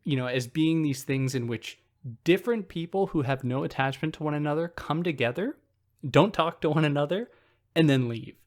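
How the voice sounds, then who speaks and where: In this casual explanatory lecture, the host of a philosophy podcast, a man, walks through a text conversationally and at ease, thinking out loud with fillers and restarts. He has a soothing, fairly high-pitched voice and keeps a moderate pace.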